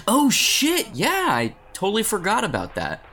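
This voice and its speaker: Audio comedy scatterbrain adventurer, male actor: highish, lively swings, flippant, excitable. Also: normal speed, heavily acted. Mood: distracted, excited. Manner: animated, flippant. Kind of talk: scripted audio comedy acting.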